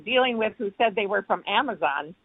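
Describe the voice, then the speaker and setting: A woman on a phone call, the victim of a scam, speaking in a hesitant, halting way. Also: mid-range voice, expressive, very noisy. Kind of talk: phone conversation. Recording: tinny, dry phone line.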